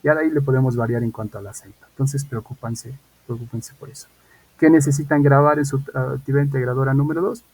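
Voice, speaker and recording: A man's voice: medium pitch, steady tone, fast, darkish tone, slightly rough, rough recording. A man, an English teacher explaining assignments in an online class and often checking in with his students. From Mexico.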